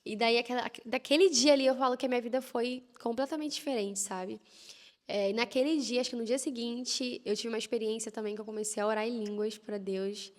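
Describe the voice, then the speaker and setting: Fast-talking woman in a reverberant room. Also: fairly high pitch. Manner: animated, lively retelling with quoted prayers and laughs. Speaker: guest telling a personal testimony. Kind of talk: casual conversational storytelling.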